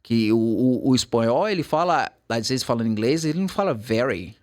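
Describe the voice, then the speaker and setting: A man's voice: medium pitch, brisk. A man with a Brazilian Portuguese accent, an English teacher telling stories in casual chat and slipping into quoted English. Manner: animated storytelling, switching into quoted English.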